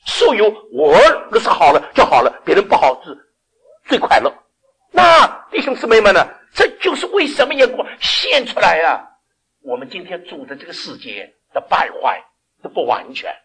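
An older man preaching a sermon, often asking the congregation questions and laughing as he swings between loud and quiet. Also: high voice, huge pitch swings, moderate pace, slightly rough.

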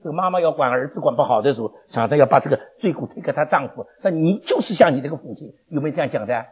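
A man teaching a Bible class, animated, questioning his listeners and chuckling often. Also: a little high, very fast, breathy edge. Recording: dull lo-fi recording.

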